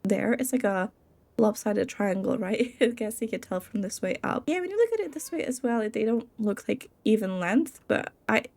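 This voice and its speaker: A woman's voice: mid-range voice, animated, moderate pace, creaky, darkish tone, dry recording. A tired young woman giving casual, rambling gameplay commentary, giggling often and poking fun at herself. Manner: giggly, rambling and self-deprecating. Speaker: Minecraft let's play creator.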